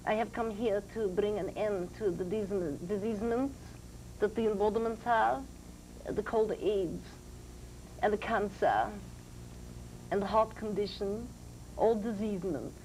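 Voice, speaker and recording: A seance medium's trance voice, pitched high like a woman's. The spirit is serene and grand, teaching in formal, deliberate phrases. There is some noise from an old TV broadcast. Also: a little mellow, low-quality recording. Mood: solemn teaching.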